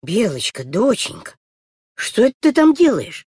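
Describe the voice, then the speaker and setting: A woman voicing a fussy mother who exclaims in dismay at her daughters, a little higher than her own voice. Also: wildly swooping pitch, unhurried, darkish tone, husky, dry recording, clean studio sound, heavily acted. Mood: exasperated. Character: fussing exasperated mother of two girls.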